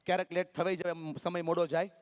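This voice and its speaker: A motivational speaker, talking live to an audience and coaxing and joking with the crowd. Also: male voice, high-pitched, level tone, fast talker, in a large hall. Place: large hall with live audience.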